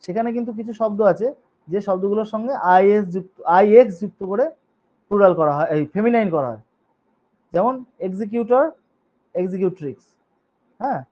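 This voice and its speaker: A man with a high-pitched voice teaches grammar fairly quickly, pausing often. Spelling words out letter by letter, he reads each rule in English, explains it in Bengali, and keeps checking in with the class, all captured in a dull lo-fi recording.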